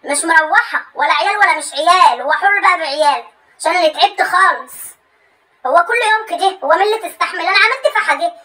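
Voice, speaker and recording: Egyptian woman, very high voice, fast talker, emphatic, keeps repeating herself. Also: bright, forceful tone, poor audio. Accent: Egyptian Arabic. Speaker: comedy sketch creator. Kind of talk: comedic monologue with phone calls.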